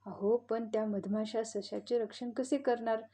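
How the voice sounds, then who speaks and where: A woman's voice: on the high side, steady tone, measured pace, mellow. A woman voicing a greedy, sly male wolf in a children's audio story, full of blustering threats. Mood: questioning.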